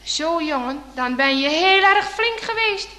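A woman voicing a kindly village pastor who speaks gently and calls out softly. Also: very high voice, expressive, a little slow, heavily acted. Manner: gentle, hushed calling.

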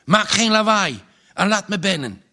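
A determined grown villager with a raised, pressing voice, as a male storyteller puts him on. He speaks with urgency, his tone gravelly and bright. This is a storybook figure read aloud. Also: high voice, sing-song, moderate pace, a little hiss or hum, voice pushed up, exaggerated voice. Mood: urgent. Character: determined grown man, a villager on night watch.

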